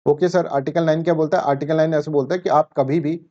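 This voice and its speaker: Man, exam coach, mellow and talky, lo-fi recording. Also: on the high side, steady tone, fast talker. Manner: chatty, asks and answers his own questions. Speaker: current affairs teacher. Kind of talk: exam-prep lecture. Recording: dull lo-fi sound.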